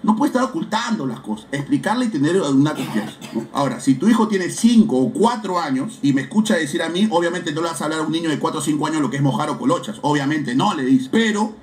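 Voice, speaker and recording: A high-voiced man with a Peruvian accent rants his way through a live football reaction stream, loud, slangy and quick to shout. He sits in an echoey room with a faint hiss behind him. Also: lively intonation. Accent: Peruvian Spanish. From Peru. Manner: loud, exclamatory, slangy, bursts into shouting and chanting. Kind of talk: casual live reaction rant. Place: seated indoors at home setup.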